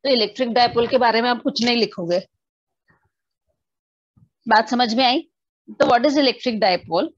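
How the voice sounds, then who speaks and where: A woman's voice: fairly high pitch, measured pace, long pauses, no room sound, lo-fi sound. A woman teaching a physics class online, explaining step by step, mixing in English definitions and checking often whether her students have understood.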